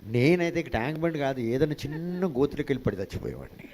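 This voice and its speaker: A man's voice: medium pitch, very animated, fast, darkish tone, a little hiss or hum. A male pastor preaching a sermon, calling out to the congregation for responses and dropping in English phrases.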